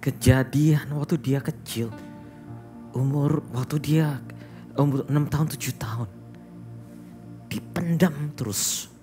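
A man's voice: mid-range voice, slow, pauses often, mellow, soft background music. A male pastor preaching a sermon, telling a story and often addressing the congregation directly, with English words mixed into his speech.

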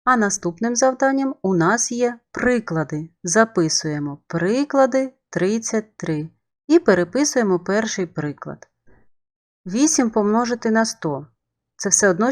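A woman's voice: medium pitch, darkish tone. Patient woman teaching children math. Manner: patient step-by-step explaining to children. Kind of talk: remote lesson voice-over.

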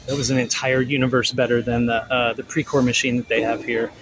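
A man working as a fitness trainer, out of breath and talking in a halting, rambling way with many restarts. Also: mid-range voice, little pitch movement, fairly bright tone. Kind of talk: casual gym vlog. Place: gym. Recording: noisy gym background.

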